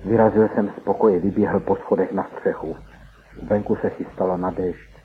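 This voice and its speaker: A man's voice: sits low, steady tone, a little hiss or hum. A man reading a first-person story aloud in an earnest, dramatic storytelling manner, heard on a tinny lo-fi recording. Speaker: narrator. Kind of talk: first-person audiobook narration.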